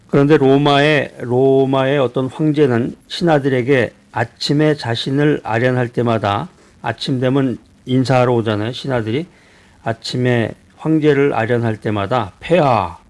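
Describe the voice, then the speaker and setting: A man from Seoul, a pastor giving a conversational sermon, asking his listeners questions and pausing on hesitations. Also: mid-range voice, a little mellow. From Seoul, South Korea. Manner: conversational preaching with rhetorical questions and frequent hesitations.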